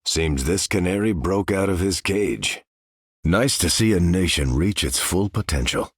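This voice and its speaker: An actor with an American accent playing a noble, steadfast veteran super-soldier in a video game, speaking with earnest, measured authority. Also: male voice, sits low, animated, slightly rough, no room sound, studio quality, exaggerated voice. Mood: steady, earnest. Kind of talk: video game character voice lines.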